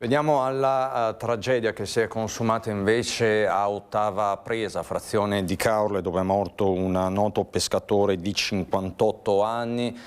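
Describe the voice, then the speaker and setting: A man presenting the news as studio anchor in a measured way. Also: lowish voice, fairly even intonation, clear, resonant tone.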